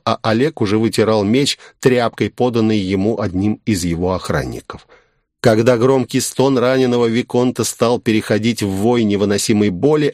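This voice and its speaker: A man's voice: fairly low pitch, darkish tone, no room sound, clean studio sound. Man narrating a fantasy audiobook.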